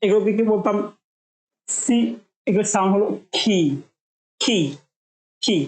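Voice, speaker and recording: A woman from Bangladesh gives a spoken pronunciation lesson at a middle pitch. She demonstrates each sound slowly and repeats it several times for her students to copy. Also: little pitch movement, darkish tone, echoey room, poor audio. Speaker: English pronunciation teacher.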